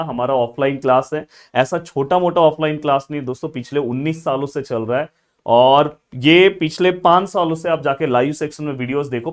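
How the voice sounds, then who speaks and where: A man, coaching students through an exam study plan in an energetic, friendly way. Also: on the high side. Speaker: tutor.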